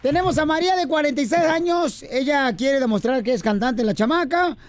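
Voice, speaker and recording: A man's voice: extremely high pitch, a little fast. A man hosting a radio comedy show, teasing and slangy. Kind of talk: radio morning show banter and joke telling.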